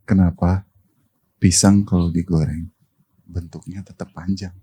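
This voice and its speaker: Deep, murmuring man telling dad jokes, Jakarta accent. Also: steady tone, a little slow, warm tone, slightly rough. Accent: Jakarta Indonesian. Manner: plain, casual dad-joke telling. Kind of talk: ASMR joke-telling among friends.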